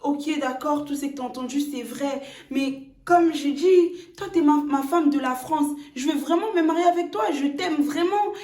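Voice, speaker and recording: A woman's voice: high-pitched, moderate pace, few pauses, darkish tone, natural voice. A woman playing a smug two-timing young fiancé. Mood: pleading. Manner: dismissive, self-justifying. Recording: roomy echo.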